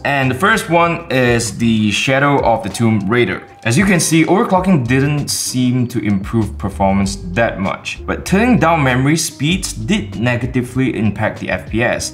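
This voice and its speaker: A young man with a Malaysian accent presents a scripted tech review. His mid-pitched voice moves up and down in a lively way over faint background music. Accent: Malaysian English. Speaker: tech reviewer, video host.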